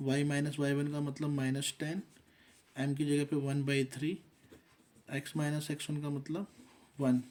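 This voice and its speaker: A man's voice: fairly high pitch, flat delivery, takes it slowly, long pauses, a little mellow. A man teaching a math lesson, working through steps methodically and mixing English terms into his explanation.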